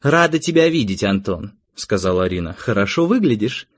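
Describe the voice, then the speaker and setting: A man voicing a sharp-tongued, mocking woman witch in an audiobook, curt and sardonic. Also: lowish voice, very animated, a little fast. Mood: dry. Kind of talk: audiobook character reading.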